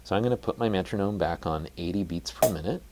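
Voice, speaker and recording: A man teaching a jazz guitar lesson, explaining rhythms step by step and counting them out loud. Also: low-pitched, fast, background noise. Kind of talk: instructional music lesson.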